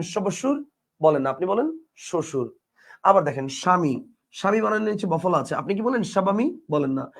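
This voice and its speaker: High-voiced man teaching grammar. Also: creaky. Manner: explains step by step, repeats key words, asks rhetorical questions. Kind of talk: online grammar lesson.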